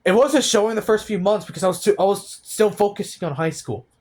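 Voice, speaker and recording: A young man of eighteen speaks with a fairly high voice in a personal vlog. He talks in a halting, heavy way and restarts his sentences often. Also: a little mellow. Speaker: vlogger.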